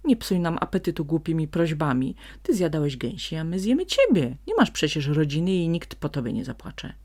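Woman voicing a calm, firm storybook donkey. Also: low voice, fairly quick. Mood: stern. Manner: steady and firm, feigning menace. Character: calm, wily male donkey.

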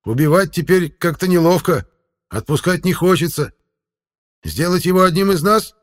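A kindly fairy counselor, voiced by a man, muses in a coaxing way. His voice is lifted high and light. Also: animated, moderate pace. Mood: musing.

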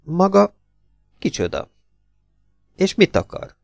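A man's voice: medium pitch, expressive, gravelly, a little mellow, no room sound, soft background music, pitched above the performer's own voice. A man voicing a composed, prim young woman who answers with cutting politeness in an audiobook reading. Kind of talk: audiobook character voice.

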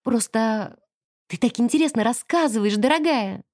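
A woman's voice: on the high side, animated, moderate pace, a little mellow, lightly acted. A woman voicing a young heroine posing as a rich lady, speaking in an earnest, restrained way. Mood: coaxing. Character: young woman agent posing as an heiress, cautious.

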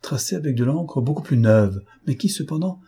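A man doing a suave, gentle gentleman thief. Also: medium pitch, expressive, moderate pace, slightly rough, voice pushed up. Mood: probing. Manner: gentle, persuasive.

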